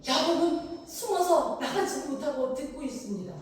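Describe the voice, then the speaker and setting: A woman's voice: normal speed, noisy background. A woman pastor preaching a sermon, telling the story vividly and acting out quoted lines. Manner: animated storytelling, acting out quoted lines with big pitch swings. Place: church sanctuary. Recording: echoey hall picked up from far off.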